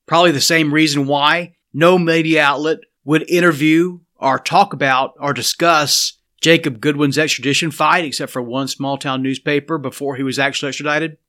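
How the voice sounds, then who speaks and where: A man with a tense, bright-edged voice that sits a little high for a man, delivering a scripted commentary monologue. He speaks earnestly and addresses the listener directly. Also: steady tone, normal speed, hardly any pauses. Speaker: political commentator.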